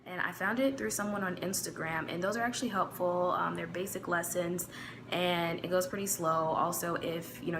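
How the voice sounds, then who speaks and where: Here a woman vlogger with a lowish voice talks casually to the camera amid background noise. She's from the United States, has a Midwestern American accent, and comes across relaxed and chatty, leaning on plenty of fillers.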